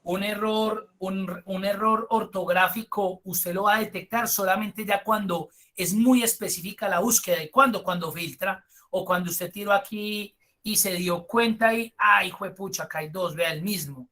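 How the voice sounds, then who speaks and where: Bright-voiced Colombian male instructor. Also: high voice, fairly even intonation, normal speed, hardly any pauses. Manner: explains step by step with chatty asides. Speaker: spreadsheet course instructor. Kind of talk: live online class.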